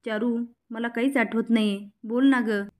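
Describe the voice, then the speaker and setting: A woman's voice: on the high side, steady tone, moderate pace, lightly acted. A woman voicing a confused, frightened young man who pleads anxiously for answers. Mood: panicked.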